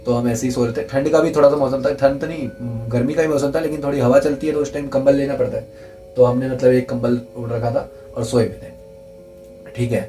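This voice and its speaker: A young man earnestly telling a true scary story in casual chat, repeating himself for emphasis and dropping to a hush at the tense parts. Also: medium pitch, little pitch movement, brisk, faint music behind, rough recording.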